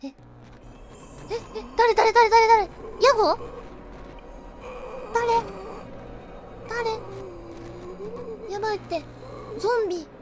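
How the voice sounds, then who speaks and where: A woman's voice: very high voice, slow, pauses often, music in the background. A young woman streamer playing a horror game, panicking, shrieking at scares and repeating words. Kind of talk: horror game let's play.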